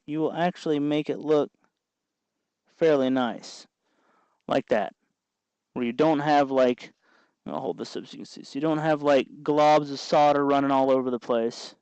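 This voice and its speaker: This DIY electronics host has a medium-pitched, darkish, clean voice and explains each step patiently in a relaxed, folksy manner while working with his hands. The audio is dull, with no echo.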